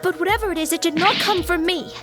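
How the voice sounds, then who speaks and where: A woman's voice: very high-pitched, quick pace. A woman voicing a prim, dramatic posh unicorn mare in a fan game dub, with refined theatrical diction. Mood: refined worry. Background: music.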